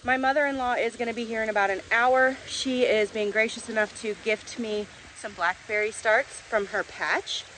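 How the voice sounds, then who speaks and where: A woman with a fairly high voice talks casually to camera in a farm vlog. She explains chores informally, step by step. The recording is made outdoors, with faint noise of a tractor rumbling behind her. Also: steady tone, normal speed, few pauses, fairly bright tone, poor audio. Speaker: homesteading vlogger.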